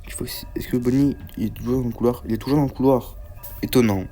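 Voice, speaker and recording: Casting note: man streaming a horror game, mid-pitched voice, stammering and swearing when startled, faint hiss under the voice. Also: fairly even intonation, quick pace, mellow. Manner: jumpy, rambling, swears and stammers when scared. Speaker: gaming YouTuber. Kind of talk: let's play commentary.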